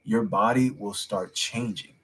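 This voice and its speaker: A man in his thirties, raised in New York City, talks loosely on a casual podcast. His pitch sits right in the middle for a man, and he wanders through thoughts with plenty of "like" and "you know." The delivery is easygoing and unscripted. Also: a little slow, fairly bright tone, a little hiss or hum. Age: 30s. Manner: loose, rambling, heavy on fillers. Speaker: podcast co-host. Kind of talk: casual chat.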